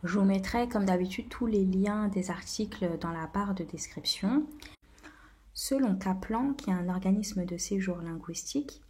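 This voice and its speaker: A woman's voice: mid-range voice, normal speed, darkish tone. A woman hosting a casual explainer video, talking with many hesitations and filler sounds. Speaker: video host.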